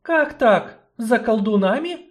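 A man's voice: extremely high pitch, expressive, normal speed, voice pushed up. A man voicing a weary, doubtful female sorceress in an audiobook, speaking in a raised, lighter voice. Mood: alarmed. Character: anxious stern female sorceress, young.

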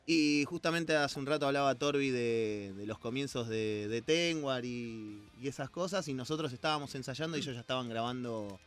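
A man's voice: mid-range voice, normal speed, few pauses. A man with a Rioplatense Spanish accent, a guest musician telling stories about his band in a casual interview, with joking asides. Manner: storytelling, jokey asides.

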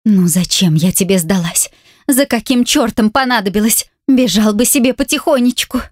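A woman's voice: moderate pace, dry recording, clean studio sound, lightly acted. Woman reading a frightened, pleading young woman. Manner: tearful, pleading, high and strained. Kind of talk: audiobook reading.

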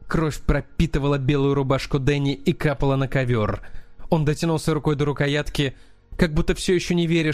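A man narrating a crime novel as an audiobook in a steady, dramatic reading. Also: a little high, dry recording. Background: faint music.

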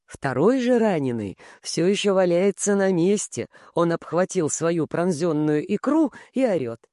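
A man's voice: high-pitched, very animated, measured pace, mellow, no echo, clean studio sound. A man reading an action story aloud as narrator. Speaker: audiobook narrator. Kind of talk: scripted narration.

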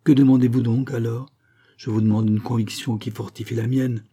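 A man's voice: medium pitch, level tone, brisk, warm tone, slightly rough, natural voice. A man voicing a proud, anguished queen in an audiobook, indignant and pleading. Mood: bitter, indignant. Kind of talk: audiobook character reading.

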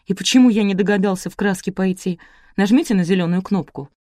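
A woman reading aloud as an eager, loud teenage boy in a storybook. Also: medium pitch, fast talker, dry recording, clean studio sound, close to an everyday voice. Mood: excited. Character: excitable teenage boy shopper.

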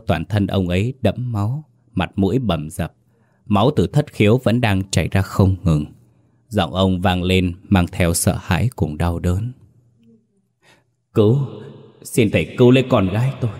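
A man with a very deep voice narrates a ghost story. He reads in a measured, suspenseful way. His low register stays steady throughout. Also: no echo, studio quality. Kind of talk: scripted horror story narration.

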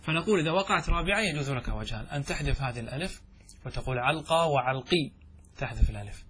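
A man's voice: medium pitch, lively intonation, quick pace, a bit bright, husky. A middle-aged man teaching Arabic grammar in a classroom lecture. He explains step by step and keeps asking the class checking questions.

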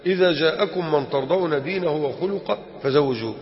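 Egyptian preacher, slightly high voice, animated lesson full of rhetorical questions, long reverb. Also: male voice, a little fast. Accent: Egyptian Arabic. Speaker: sheikh teaching a religious lesson. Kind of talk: colloquial religious lesson. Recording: echoey hall, dull lo-fi.

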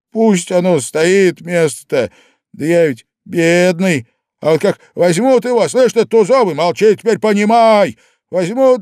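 Rowdy drunken clerk, high and wheedling, read by a male narrator; dry studio. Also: darkish tone, dry recording. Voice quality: shrill, wheedling, jeering.

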